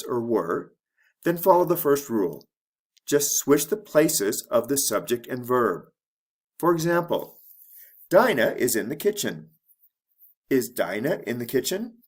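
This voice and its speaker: A man teaching English to beginners, speaking slowly and clearly and modeling the intonation of example sentences. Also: mid-range voice. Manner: deliberate, modeling intonation for learners. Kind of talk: slow, clear lesson narration.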